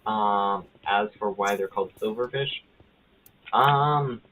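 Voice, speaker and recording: A man streaming a video game live, chatting casually with a friend, rambling and correcting himself mid-sentence, and getting excited at small finds. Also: fairly low pitch, slow pace. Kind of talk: casual chat while gaming live. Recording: tinny phone-like audio with faint hiss.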